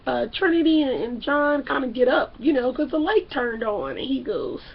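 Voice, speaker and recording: A brash, foul-mouthed woman recaps a reality show, her voice sitting high and a little husky. She slips into quick impressions of the people she describes. The recording sounds dull and lo-fi. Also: lively intonation. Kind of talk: casual comedic TV recap.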